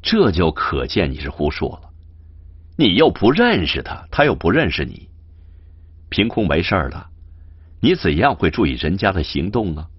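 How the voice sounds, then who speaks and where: A man's voice: deep voice, big pitch swings, moderate pace, pauses often, slightly rough, dry recording, dull audio, full character voice. A man voicing a playful, spoiled young rich master who banters and scolds in jest. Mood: bantering.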